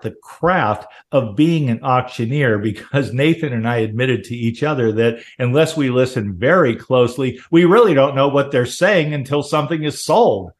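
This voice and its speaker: A man hosting a radio interview, talking in a conversational, reflective way. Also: medium pitch. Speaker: radio show host.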